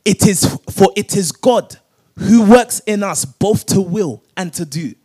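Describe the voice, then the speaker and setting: A man's voice: sits high, animated, a little slow, dark tone, slightly rough. A man preaching a sermon, calling for verses to be read aloud and repeating them with rising emphasis. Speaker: pastor. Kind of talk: sermon with call-and-response scripture reading.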